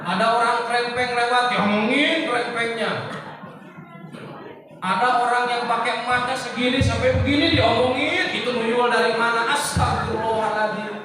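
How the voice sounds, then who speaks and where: Brief: young Sundanese-accented man preaching, high voice, booming hall echo with music behind. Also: moderate pace. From West Java, Indonesia. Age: young adult. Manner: lively, sings phrases, jokes with audience. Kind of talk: sermon. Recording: echoey hall from far off with music.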